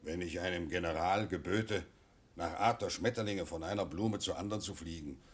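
An actor playing a pompous, lonely old king in a children's audio drama, with an imperious, drawn-out, husky delivery. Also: low-pitched. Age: older.

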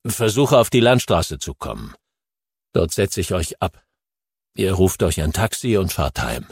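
A man's voice: deep voice, sing-song, dry recording, exaggerated voice. A man reading a nervous old farmer. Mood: agitated, cautious. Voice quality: gravelly, husky. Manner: agitated, hurried. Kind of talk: audiobook reading.

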